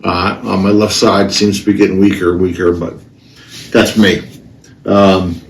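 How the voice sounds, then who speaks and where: Male podcast host, lowish voice, hesitant and plain-spoken, numb on one side of the face, roomy sound with faint noise. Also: level tone, gravelly, distant mic. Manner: halting, hesitant, blunt and profane. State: half the face numb inside and out. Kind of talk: casual solo podcast talk, personal storytelling.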